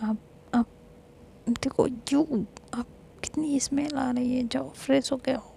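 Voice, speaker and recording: A woman voicing a stern, jealous young woman who scolds with quick, bossy retorts. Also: on the high side, steady tone, warm tone, slight background noise, close to an everyday voice. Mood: scolding.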